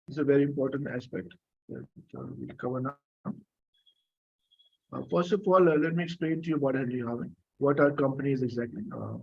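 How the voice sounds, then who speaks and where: Husky male French teacher on a call. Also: on the high side, darkish tone, highs cut off. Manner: patient, coaxing students, many fillers and coughs. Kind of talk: live online class lecture.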